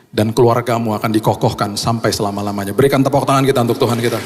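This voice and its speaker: A man's voice: medium pitch, fairly even intonation, very fast. A man preaching a sermon as a pastor, telling a story and acting out its dialogue. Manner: storytelling, acts out the dialogue with a raised voice. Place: large church hall. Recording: long church hall reverb.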